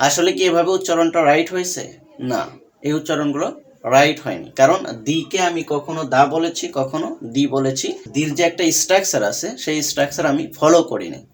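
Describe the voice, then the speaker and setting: A man's voice: on the high side, brisk. A young man teaching an online English grammar lesson, patiently repeating key points and quizzing his students.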